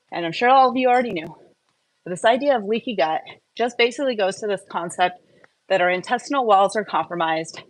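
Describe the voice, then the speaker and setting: Hosting a live online wellness talk, a woman with a medium-pitched voice explains things informally and speaks straight to her viewers. She moves step by step in a conversational way, asking questions and then answering them herself, and the audio is rough.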